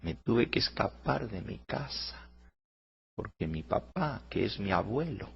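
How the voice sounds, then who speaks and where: A man voicing a poor young girl who pleads through sobs in a high, strained voice. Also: expressive, measured pace, vocal fry, breathy edge, heavily acted. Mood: tearful. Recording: muffled lo-fi recording.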